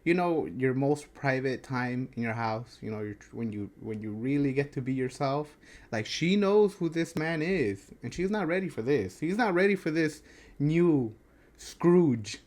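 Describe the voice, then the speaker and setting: A man's voice: medium pitch, expressive, unhurried, a little mellow. A man hosting a reaction video, talking casually and peppering his speech with "like". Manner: chatty, many "like" fillers. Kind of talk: casual chat.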